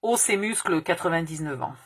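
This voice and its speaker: A woman's voice: lowish voice, lively intonation, moderate pace, slightly rough. A woman putting on the voice of a blunt foreign woman radiologist who speaks in clipped, broken phrases.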